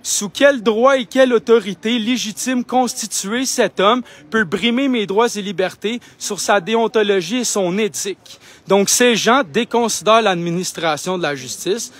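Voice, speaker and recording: A man's voice: high voice, normal speed. A young man with a Québécois French accent livestreaming on his phone outdoors, talking in an indignant, insistent, argumentative way. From Quebec. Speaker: independent livestreamer. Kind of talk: live street vlog. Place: outdoors outside a building.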